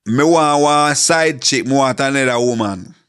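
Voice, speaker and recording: A man's voice: mid-range voice, moderate pace, fairly bright tone, smooth, natural voice. A man playing a blunt eighty-year-old husband in his normal speaking voice. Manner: blunt, plainly spoken.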